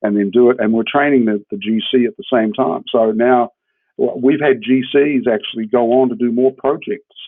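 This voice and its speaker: Over a muffled, phone-like narrowband connection, a New Zealand-accented man who builds with hemp talks casually about his work in an interview, often checking in with his listener. He speaks at normal speed in a mid-range, fairly even voice, and the recording is dry.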